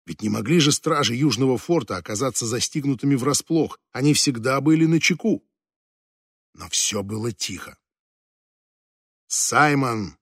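A man reading a fantasy novel aloud as an audiobook narrator, with measured, slow, dramatic phrasing that sinks at the ends of phrases. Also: medium pitch, breathy edge, no room sound, clean studio sound.

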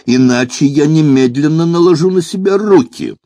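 A man's voice: fairly high pitch, normal speed, mellow, dry recording, pitched above the performer's own voice, lightly acted. A man voicing a theatrical, drunken young man who speaks in a wailing, affectedly despairing voice.

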